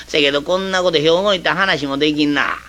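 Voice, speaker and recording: A man's voice: fairly high pitch, lively intonation, normal speed. A man voicing a boastful, rowdy young traveler with a Kansai accent, partying at an inn in a comic storytelling performance. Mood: grumbling, amused. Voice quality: loud, brash, threatening. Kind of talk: Kamigata rakugo storytelling.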